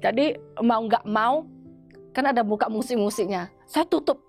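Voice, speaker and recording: Halting woman sharing her church testimony. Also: fairly high pitch, faint music behind. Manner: halting, with frequent restarts and repeated words. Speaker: church member giving a testimony. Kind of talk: conversational testimony interview.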